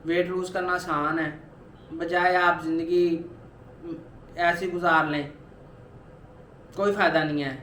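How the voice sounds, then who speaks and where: A young man in his twenties with a high-pitched voice speaks straight to his viewers in a personal vlog. He talks earnestly and keeps circling back to the same urging points. The room gives his voice a strong echo, with faint noise underneath. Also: steady tone, slow, long pauses, a bit bright. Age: 20s. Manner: earnest, repetitive motivational urging. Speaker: vlogger. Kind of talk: personal weight-loss vlog.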